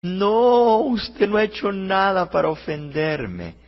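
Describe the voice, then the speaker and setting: A man voicing a poor young girl who pleads through sobs in a high, strained voice. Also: animated, unhurried, creaky, breathy edge, heavily acted. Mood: tearful. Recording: muffled lo-fi recording.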